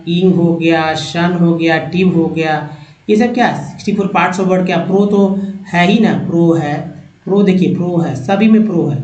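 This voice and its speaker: A man teaching English vocabulary in Hindi. He reads each word slowly, repeats it, and addresses viewers as friends. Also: sits high, darkish tone, roomy sound, low-quality recording.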